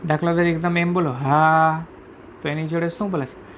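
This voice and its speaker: A man teaching a class, explaining sounds slowly, reciting letters one by one and often asking if students follow. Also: on the high side, little pitch movement, lo-fi sound, slight background noise. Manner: repeatedly checks understanding with "right?". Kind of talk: classroom lecture explaining Sanskrit phonetics.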